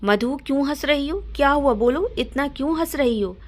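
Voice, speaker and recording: A woman's voice: high-pitched, normal speed, pitched above the performer's own voice, lightly acted. A woman voicing a jealous, suspicious young woman who angrily accuses her best friend. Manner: accusing, sharp.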